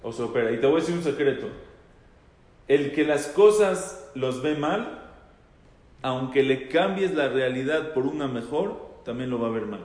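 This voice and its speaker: A man's voice: mid-range voice, lively intonation, moderate pace, darkish tone. A man, teaching an informal religious class to a group. He talks conversationally, repeats phrases for emphasis and asks his listeners questions. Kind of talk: informal Torah talk to a group. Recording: echoey hall with long reverb.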